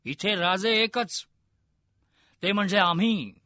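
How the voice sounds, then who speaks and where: A man voicing an arrogant, drunken male hill chieftain who mocks and shouts at an envoy. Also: high voice, takes it slowly, no echo, clean studio sound, exaggerated voice. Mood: mocking. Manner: scornful, taunting, laughing, shouting. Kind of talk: storytelling narration.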